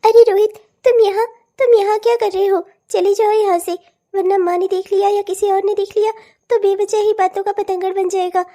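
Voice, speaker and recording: A woman voicing a meek, mistreated young stepdaughter who pleads softly and sounds tearful. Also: extremely high pitch, fairly even intonation, moderate pace. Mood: anxious. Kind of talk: cartoon voice acting.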